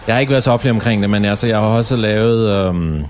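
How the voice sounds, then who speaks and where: Evasive deadpan man from Aarhus. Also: fairly low pitch, a little hiss or hum. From Aarhus, Denmark. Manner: evasive, defensive, hesitant with many fillers. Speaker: podcast guest. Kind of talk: deadpan comic banter. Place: noisy café.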